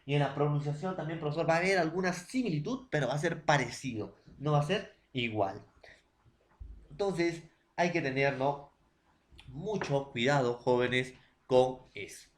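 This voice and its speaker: A man's voice: a little high, normal speed. A man teaching a secondary school lesson. He repeats points, asks his own questions and answers them. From Peru. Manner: addresses students as "jóvenes". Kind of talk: recorded classroom lesson.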